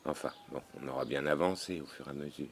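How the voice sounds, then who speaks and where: A French vlogger with a bass voice talks fast in a casual chat, folksy and chatty, constantly saying "mon gars." His voice sounds a bit worn out.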